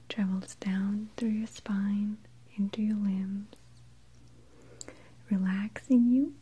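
Woman, ASMR whisper, very breathy, mellow, unhurried, close mic. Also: mid-range voice, poor audio. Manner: slow, soothing guided whisper.

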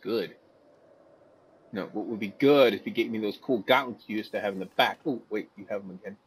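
A man giving casual, goofy commentary over his gameplay, easily distracted and quick to laugh. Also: lowish voice, slight background noise, rough recording. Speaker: gameplay video host.

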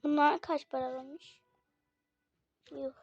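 Woman, high voice, casual game commentary for viewers, chatty and excitable, slightly unwell, dry dull lo-fi mic. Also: slow pace, dry recording, faint music behind. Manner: chatty, addresses viewers often, excitable exclamations. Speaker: gaming channel host.

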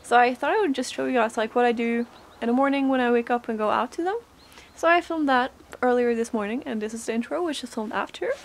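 Young woman, English speaker, vlogging casually on a handheld camera in a horse barn. Talks with a slightly high voice and plenty of fillers. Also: fast talker. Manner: chatty, with many fillers. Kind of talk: casual vlog chat.

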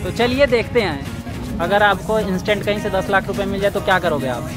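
A young man asking passers-by questions in a friendly, quick street interview outdoors. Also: high-pitched. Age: young adult. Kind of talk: street vox-pop interview. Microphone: handheld mic held to passers-by. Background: background music.

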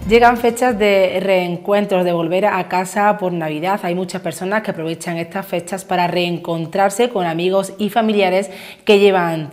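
A woman, reading the news in a TV studio in a measured, even way. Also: lowish voice. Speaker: news anchor. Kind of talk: scripted news presenting. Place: television studio.

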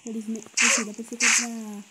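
A woman's voice: fairly high pitch, level tone, fairly quick, loud music behind the voice. A woman with a Brazilian accent giving casual, chatty gameplay commentary for her channel. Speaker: gaming YouTuber. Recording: noisy mobile game recording with clicks.

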